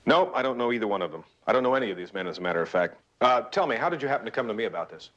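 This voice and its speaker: An actor playing a smooth, evasive husband with a secret in a television crime drama. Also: male voice, medium pitch, lively intonation, racing, fairly bright tone, dull audio, natural voice. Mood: guarded, composed.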